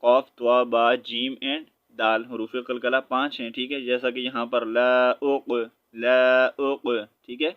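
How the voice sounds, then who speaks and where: A man teaching Quran recitation letter by letter. He patiently checks in with his listeners and chants the verses slowly. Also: medium pitch, level tone, no room sound, phone-quality sound. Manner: patient, checks in with "okay?" after each point; slow drawn-out chanting of verses. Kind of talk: spelled-out recitation lesson.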